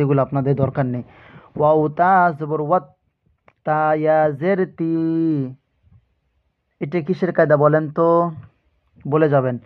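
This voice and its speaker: A man teaching Quran reading, spelling out Arabic letters and syllables and repeating each word, in a drawn-out way. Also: on the high side. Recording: tinny phone-like sound.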